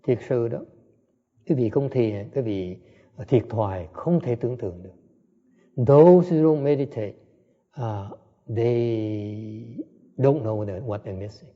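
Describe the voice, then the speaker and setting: A man's voice: fairly low pitch, takes it slowly, dull audio. A man giving a dharma talk as a meditation teacher. He speaks bluntly, scolds his listeners and keeps checking in with them, translating himself as he goes. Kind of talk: dharma talk, self-interpreted.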